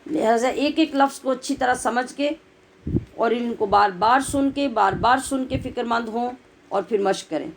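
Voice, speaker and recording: A woman gives a tajweed lesson, her voice sitting a little high. She explains pronunciation mistakes in plain teaching speech. She then models each word and verse in a slow, drawn-out recitation. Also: slight background noise, low-quality recording.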